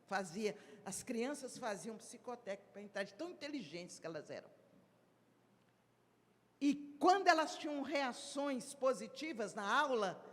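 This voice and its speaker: A woman giving an expressive devotional lecture, pressing her points with emphatic rhetorical questions. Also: on the high side, normal speed. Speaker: speaker at a Spiritist lecture. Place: lecture hall at a Spiritist event. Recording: long hall reverb.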